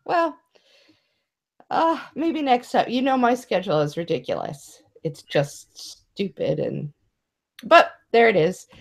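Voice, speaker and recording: Woman guest, chatty and animated, laughs easily, casual conversation. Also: mid-range voice, takes it slowly, creaky.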